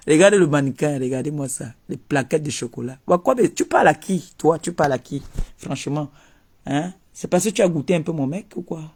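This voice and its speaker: A man delivering a mocking comic rant, theatrical and full of repeated taunts. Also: fairly high pitch. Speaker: comedian.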